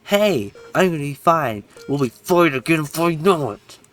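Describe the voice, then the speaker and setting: A man voicing the game's hero as he reassures his son, lifting his voice well above his own and speaking loudly. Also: animated, normal speed, distant mic, soft background music. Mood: reassuring. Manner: pitched up high and loud. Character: the player character, reassuring, raised hopeful voice.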